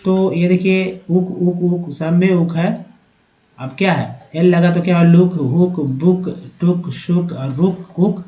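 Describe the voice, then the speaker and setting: A man's voice: a little high, mellow, roomy sound, lo-fi sound. A man teaches English spelling and pronunciation, repeating letter patterns aloud and addressing viewers as friends.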